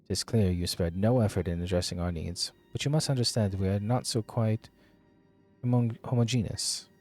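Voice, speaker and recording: A man voicing a courteous, gentle scholar from a fantasy game, formal and measured with archaic wording. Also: lowish voice, steady tone, soft background music, natural voice. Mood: gentle, advising. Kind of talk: character voice reading game dialogue.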